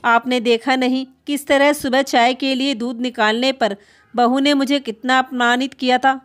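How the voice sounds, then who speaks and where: A woman's voice: high voice, fairly even intonation, normal speed, natural voice. A woman voicing a meek, aggrieved older grandmother who complains and pleads in a hurt tone. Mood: hurt complaint.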